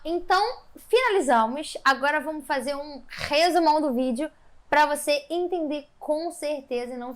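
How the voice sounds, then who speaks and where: A Brazilian woman teaching an English lesson, explaining patiently and modeling English phrases slowly with exaggerated intonation. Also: high voice, fairly bright tone.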